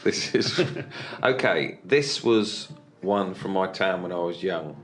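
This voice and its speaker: A man's voice: deep voice, slow, faint music behind. A man co-hosting a comedy podcast, telling a piece of gossip in a hesitant, mumbling way. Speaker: podcast co-host.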